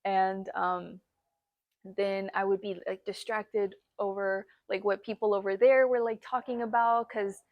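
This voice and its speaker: Young woman, casual storytelling vlog, laughs a lot, fry in her voice, dry sound. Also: mid-range voice, flat delivery, unhurried, no echo, dull audio. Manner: chatty, laughs often, many fillers. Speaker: travel vlogger.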